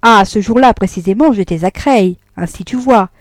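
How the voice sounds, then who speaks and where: A woman's voice: mid-range voice, normal speed, no echo, clean studio sound, pitched above the performer's own voice, natural voice. A woman voicing a bluff middle-aged husband caught in a lie, jovial and then defensive, in a read-aloud novel.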